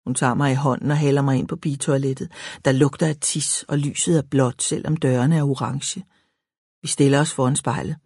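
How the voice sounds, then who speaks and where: A woman narrating a children's audiobook in the first person with a gentle, reflective storytelling manner. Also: a bass voice, steady tone, breathy edge, no echo, studio quality.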